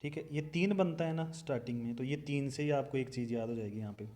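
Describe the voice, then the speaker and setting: A man's voice: mid-range voice, quick pace, mellow. Hindi-speaking man teaching a lecture. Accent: Indian English. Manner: explains step by step, asks questions and answers them himself. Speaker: nursing exam teacher. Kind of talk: recorded lecture.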